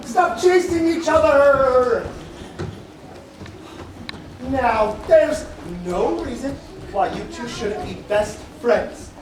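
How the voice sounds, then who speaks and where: A woman playing an expressive, gently chiding storyteller in a children's stage musical. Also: a little high, takes it slowly, a little hiss or hum. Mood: fussy, exclaiming. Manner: expressive, exclaiming. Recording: very echoey theatre, distant, music.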